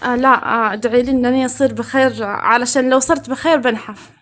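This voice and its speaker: A woman's voice: on the high side, steady tone, quick pace. A woman calling in to ask a sheikh for help, sounding tired and pleading. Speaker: caller. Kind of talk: phone call to advice show.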